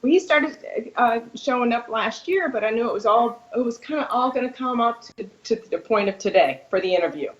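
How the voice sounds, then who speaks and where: A woman guest co-host recounting stories in a lively manner, laughing often. Her voice has a mid pitch. The sound carries a noticeable echoey room. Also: brisk, lo-fi sound. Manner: animated, laughing storyteller. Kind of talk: casual chat.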